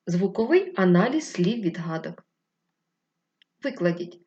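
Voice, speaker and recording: Woman, primary teacher, remote lesson, low-ish lively voice, unhurried, muffled recording. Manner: patient, drawn-out instructive speech with questions to pupils. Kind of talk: slow, clear remote literacy lesson for children.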